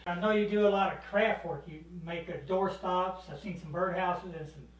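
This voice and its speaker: An off-camera interviewer, a man with a high voice, asks brief questions and gently nudges the guest to say more. He sounds distant from the microphone, in a roomy space. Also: fairly even intonation, normal speed. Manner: gently prodding, joking.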